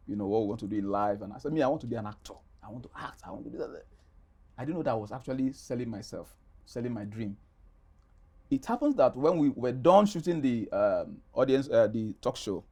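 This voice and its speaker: This is a middle-aged Nigerian actor with a dark-toned, medium-pitched voice. Being interviewed, he narrates personal stories in an animated, conversational way, stressing points emphatically and repeating phrases.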